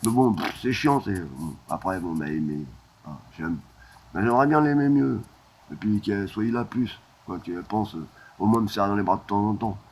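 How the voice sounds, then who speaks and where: A man's voice: fairly low pitch, animated, moderate pace, darkish tone, slightly rough. A man talking in a rambling, disjointed monologue, crude and full of "hein" fillers, drifting from topic to topic.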